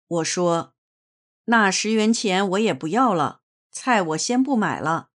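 Woman narrator, unhurried, earnest read-aloud testimony, mid pitch. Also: expressive. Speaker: reader of a personal testimony.

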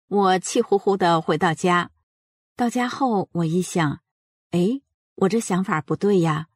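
A woman tells a personal story at an earnest, steady pace. Her voice sits a little low, and the recording is dry and close, with no room sound. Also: no echo. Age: 70s. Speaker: narrator of a personal account. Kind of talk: reading a personal story aloud.

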